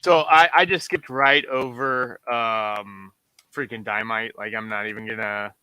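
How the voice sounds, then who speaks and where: A man's voice: fairly low pitch, measured pace, smooth, no echo, low-quality recording. A man co-hosting a comic book show, talking casually with lots of fillers while he shows covers. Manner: relaxed, many fillers while showing covers. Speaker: co-host of a comic order show. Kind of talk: casual chat.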